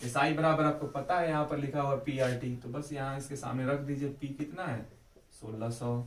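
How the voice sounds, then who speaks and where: A man's voice: mid-range voice, recorded from a distance. A man teaching exam math, explaining each step patiently and repeating key points to check understanding. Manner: patient, repeats key steps with frequent "ठीक है" check-ins. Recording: echoey room, voice off mic.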